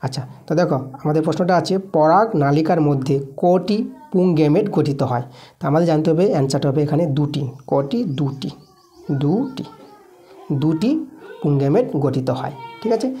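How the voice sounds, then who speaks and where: A woman's voice: low voice, fast talker, warm tone. A woman teacher giving an exam-prep lesson, repeating key terms and answering her own questions as she goes. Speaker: school science teacher.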